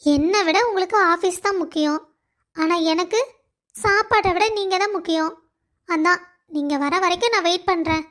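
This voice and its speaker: A woman's voice: very high voice, moderate pace, long pauses, fairly bright tone. A woman voicing a loving young wife who pleads and complains of being alone. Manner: pleading, plaintive.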